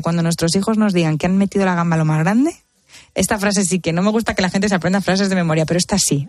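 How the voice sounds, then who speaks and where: An animated woman explains her points and switches into the voices of the people she quotes. Her voice sits mid-range for a woman and sounds close and dry. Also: medium pitch, dry recording. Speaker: parenting guest expert. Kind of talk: casual chat.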